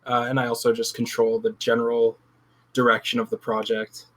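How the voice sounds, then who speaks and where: Reflective man guest, mid-pitched voice. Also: monotone, fairly quick, fairly bright tone. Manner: reflective, restarts mid-sentence. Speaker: podcast guest, game project lead. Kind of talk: casual chat.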